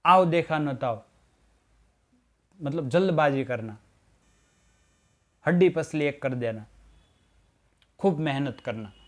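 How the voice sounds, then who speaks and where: A male teacher giving a recorded school lesson, explaining in a slow, deliberate way and repeating phrases. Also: fairly high pitch, expressive.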